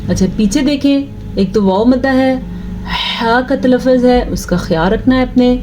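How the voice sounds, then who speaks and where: A woman teaching tajweed, explaining each rule patiently and checking her students follow, then reciting verses slowly in a drawn-out chant. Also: fairly high pitch, dark tone, slight background noise. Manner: explains rules patiently, asks "ٹھیک ہے؟" after each point.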